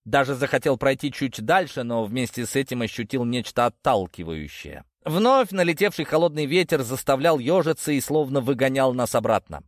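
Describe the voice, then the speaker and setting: A man narrating a first-person adventure audiobook in an expressive, varied reading voice. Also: mid-range voice, dry recording, studio quality.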